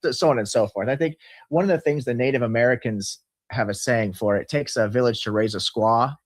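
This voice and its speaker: A man in his early fifties talks quickly and earnestly in a casual discussion. His thoughts run on at length. The sound is dry and close, with no room around it. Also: medium pitch, dry recording. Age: 50s. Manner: earnest, rambling, explains with laughs. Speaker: channel host.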